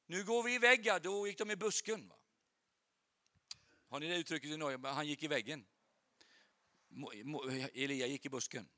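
This animated sermon comes from a male preacher and Bible school teacher, who spins stories and throws rhetorical questions at his church congregation. He speaks a little high and pauses often.

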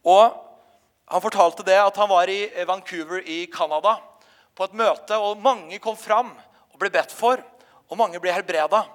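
A male pastor delivers a sermon with a notably high voice. He tells his stories with plenty of hesitations and small restarts. His words echo with the long reverb of a church hall. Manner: storytelling with frequent hesitations.

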